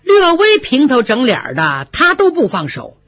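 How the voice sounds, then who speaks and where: A storyteller voicing a gentle, sensible young maidservant who speaks in a measured, cautious way. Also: high voice, wildly swooping pitch, dry recording, voice pushed up, full character voice. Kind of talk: storytelling with voiced characters. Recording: dry, slightly dull lo-fi recording.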